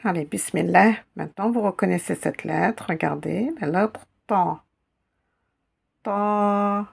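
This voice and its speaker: A woman teaching a slow, patient language lesson who repeats each sound carefully. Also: lowish voice, creaky, darkish tone, husky. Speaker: Arabic teacher.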